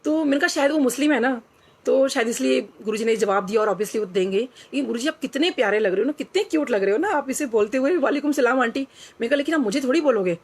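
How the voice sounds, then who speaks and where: A woman's voice: fairly high pitch, expressive, quick pace, a little mellow, slightly rough. Earnest middle-aged woman telling a story. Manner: earnest, reflective, drops into quoted dialogue, mixes in English phrases. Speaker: devotee sharing a testimony. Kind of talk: personal storytelling.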